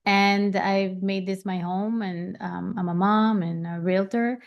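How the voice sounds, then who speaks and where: A middle-aged woman from Puerto Rico talks through her introduction in a relaxed way, pausing often on ums. Her voice has a gravelly fry, and the audio is dull and lo-fi. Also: medium pitch. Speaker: realtor, webinar panelist. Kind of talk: self-introduction on a webinar.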